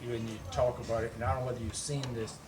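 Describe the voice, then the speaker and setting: An elderly male veteran looks back on his wartime service. He speaks plainly and conversationally, as one remembering. The microphone is some way off, with clear noise around him. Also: medium pitch, flat delivery, rapid-fire. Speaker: war veteran, interviewee. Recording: noisy room, distant microphone.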